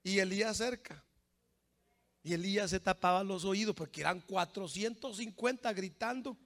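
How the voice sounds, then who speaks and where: Fiery high-voiced preacher. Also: male voice, moderate pace. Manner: fervent, swings from hushed to shouting; addresses congregation with questions. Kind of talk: sermon.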